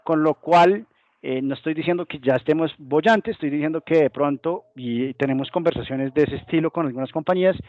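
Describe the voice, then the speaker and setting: In a dry recording with dull audio, a fairly high-pitched man speaks fairly quickly as a webinar guest presenter. He's from Colombia, carries a Colombian Spanish accent, and explains business ideas while occasionally voicing imagined companies.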